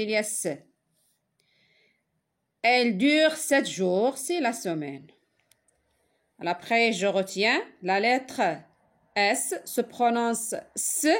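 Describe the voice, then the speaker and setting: A woman teaches a children's spelling lesson at a very slow, deliberate pace. Her voice sits fairly high, and she lingers on every word and sound as she names them one by one. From Morocco. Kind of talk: primary-school spelling lesson.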